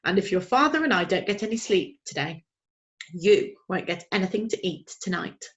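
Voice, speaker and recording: A woman voicing a patient, tired mother barn owl who speaks in a calm, soothing but firm way. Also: medium pitch, normal speed, lo-fi sound, close to an everyday voice.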